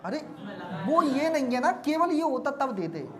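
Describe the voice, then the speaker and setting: A woman's voice: high-pitched, big pitch swings, normal speed, a crowd in the background. A woman teaching exam reasoning on a board, repeating each step and often asking if it is understood. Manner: repeats steps, checks understanding with questions. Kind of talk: explaining on a board.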